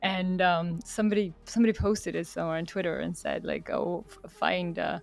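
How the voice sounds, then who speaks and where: A woman's voice: fairly low pitch, steady tone, a little fast, creaky, soft background music. A woman from Estonia, a podcast guest telling stories in casual talk and laughing often.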